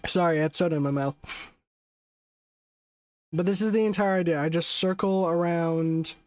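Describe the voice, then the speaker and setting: Here the same kind of casual live commentary comes from a young adult streamer who rambles, self-corrects a lot, and swears without much thought. The voice sits mid-range with a steady, darkish tone, moves at normal speed, and has no echo.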